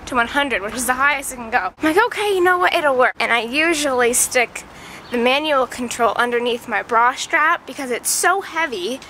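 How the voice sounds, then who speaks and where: Walking through the city with a handheld camera close to her face, a woman vlogs in a casual, rambling way, her high voice congested from a cold. She speaks at a moderate pace, animatedly telling stories and acting out quotes, while traffic passes and street noise surrounds her.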